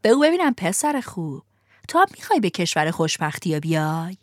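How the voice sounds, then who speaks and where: A woman voicing a fat little coachman in a storybook reading, with a sweet, coaxing, flattering way of talking. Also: fairly low pitch, dry recording, studio quality. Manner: coaxing, purring. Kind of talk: storybook narration.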